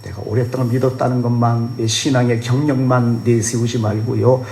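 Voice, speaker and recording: A man's voice: mid-range voice, level tone, a little fast, vocal fry, mellow. Man preaching. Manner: impassioned preaching, acting out quoted voices. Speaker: pastor. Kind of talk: Sunday sermon. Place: church sanctuary. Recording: echoey church hall with faint hum.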